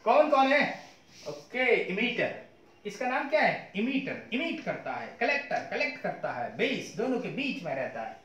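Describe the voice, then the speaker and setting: A man's voice: sits high, sing-song, measured pace, fairly bright tone. A man teaching physics in a lecture, often asking his students questions and mixing English terms into his talk. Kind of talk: classroom lecture. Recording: echoey room.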